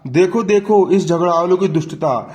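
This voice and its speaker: A spiteful old mother-in-law who whines and accuses in a classroom retelling of a play, voiced by a male teacher. Her voice sits a touch high. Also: normal speed, darkish tone, natural voice. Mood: accusing. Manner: accusing and whining.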